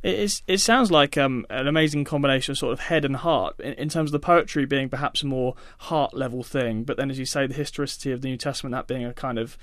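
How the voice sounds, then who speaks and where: A man with a British accent hosting an interview in a conversational style, with softly hedged phrasing. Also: medium pitch, fast talker, hardly any pauses, no echo, clean studio sound. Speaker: interview show host.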